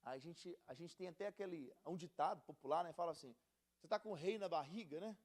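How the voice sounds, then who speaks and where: A man's voice: a little high, a little fast. A man from Brazil with a Brazilian Portuguese accent, teaching a casual, slangy Bible study as a youth pastor. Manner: slangy and conversational, animated, calls listeners buddy.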